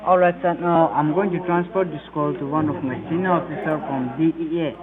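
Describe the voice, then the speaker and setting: A man's voice: on the high side, fairly even intonation. A man posing as an officer on a phone call, spelling out names and numbers carefully. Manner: spells out details slowly. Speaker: scam caller posing as an officer. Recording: tinny phone line with call-center crowd noise.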